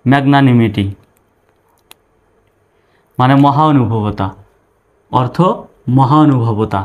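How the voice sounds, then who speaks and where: Slow, patient Bangladeshi teacher. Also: male voice, mid-range voice, a little mellow. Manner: breaks words into syllables and repeats them patiently. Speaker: English teacher. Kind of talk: slow spelling-out pronunciation lesson.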